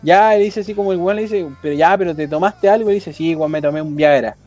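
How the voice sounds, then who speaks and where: A man's voice: fairly high pitch, fast talker, a little mellow. A young man with a Chilean accent telling a rambling, slang-filled anecdote in casual chat. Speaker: storyteller.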